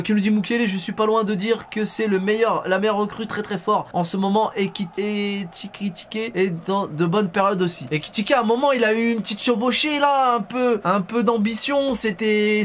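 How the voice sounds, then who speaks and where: A man chatting casually and informally in slang as a football streamer giving his verdict on a match. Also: high voice. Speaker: football streamer and fan pundit. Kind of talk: casual match debrief chat. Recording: stream with faint crowd and noise.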